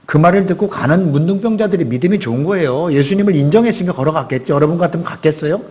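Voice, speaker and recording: A middle-aged man preaching a sermon as pastor, talking conversationally and acting out quotes with sudden loud outbursts. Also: fairly high pitch, animated, racing. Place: church sanctuary.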